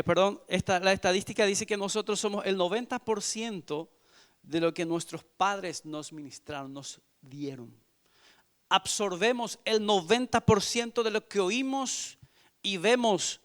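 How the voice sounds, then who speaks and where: A man in his forties, a visiting missionary, giving an earnest sermon testimony in church, moving from hushed to loud. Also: high-pitched, moderate pace, smooth. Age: 40s.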